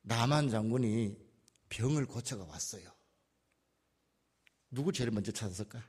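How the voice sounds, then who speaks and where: A man's voice: lowish voice, animated, normal speed, darkish tone, breathy edge. A male pastor with a Gyeongsang accent preaching a conversational sermon and putting questions to the congregation. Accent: Gyeongsang dialect. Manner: conversational, asks the audience questions.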